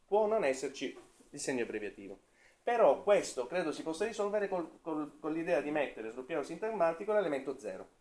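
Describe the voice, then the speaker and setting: A man from Italy giving an academic talk on linguistics to a class, thinking aloud, with fillers and self-corrections. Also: a little high. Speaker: seminar presenter.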